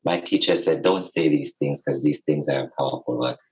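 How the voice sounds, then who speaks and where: In a low-quality recording, a man with a very deep, slightly mellow voice talks at a moderate pace. A podcast guest on spirituality and community, he reasons casually and reflectively about life, earnest and emphatic, repeating phrases to underline them.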